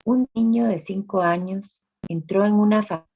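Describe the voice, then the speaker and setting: A woman telling a religious story to listeners, speaking directly to them with dramatic pauses. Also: medium pitch. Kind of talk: emotional spoken storytelling. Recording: dull lo-fi recording.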